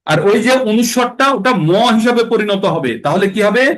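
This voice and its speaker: A man teaching how to recite Sanskrit verses in a class, explaining patiently and slowing to chant lines syllable by syllable. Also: sits high, animated, poor audio. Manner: patient, explanatory, checks understanding.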